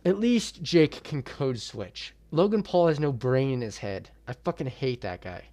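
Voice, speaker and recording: A young man runs his own MMA channel and posts a ranting reaction vlog about a boxing match. He's heated, profane, and blunt, speaking a little slowly in a warm, animated, mid-range voice.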